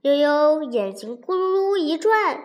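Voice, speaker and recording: A woman narrating a children's folk tale in a notably high voice. She reads slowly and gently, taking her time over each line. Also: very animated. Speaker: storyteller.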